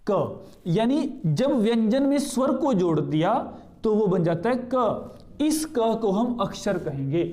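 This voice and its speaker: A man with a high but mellow voice teaches a grammar lesson. He poses questions to his students and answers them himself, pointing to what he has written and repeating key terms slowly. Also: big pitch swings. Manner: points to what he writes on a board. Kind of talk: explanatory lesson.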